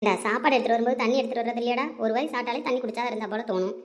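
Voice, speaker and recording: Woman as a fussing auntie, talks super fast, coaxing and warm. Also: fairly high pitch, fairly even intonation, natural voice. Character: caring mother-in-law aunt. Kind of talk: family audio drama.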